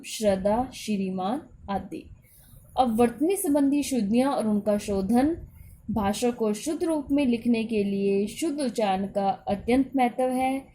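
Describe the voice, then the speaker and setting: A woman's voice: on the high side, warm tone. A woman teacher giving a grammar lesson to schoolchildren, explaining patiently, repeating her points and speaking directly to the children.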